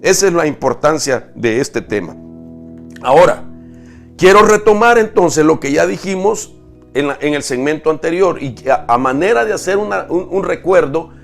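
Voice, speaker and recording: Gravelly-voiced man teaching scripture. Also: fairly high pitch, animated, moderate pace, soft background music. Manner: explanatory, with restarts and rhetorical questions. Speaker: apostle preaching. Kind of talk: sermon-style Bible teaching.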